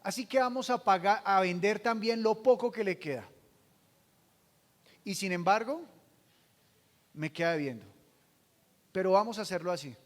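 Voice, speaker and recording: A man preaching a sermon as pastor, asking the congregation questions and swinging from hushed to loud. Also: sits high, moderate pace, long pauses, big-room sound. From Colombia.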